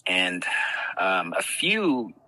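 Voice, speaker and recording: A man from the Navajo Nation, a former prosecutor, telling his story as an interview guest in an animated way and acting out what others said. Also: low-pitched, extremely slow, no echo, poor audio. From Navajo Nation, United States. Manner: animated, acts out quoted dialogue. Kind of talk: conversational storytelling.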